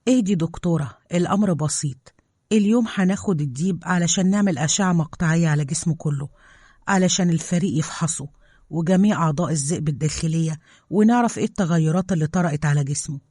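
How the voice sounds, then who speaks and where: A woman with an Egyptian accent voicing a calm male scientist who dismisses concerns. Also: sits low, quick pace, slightly rough, no room sound, clean studio sound. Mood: dismissive. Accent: Egyptian Arabic.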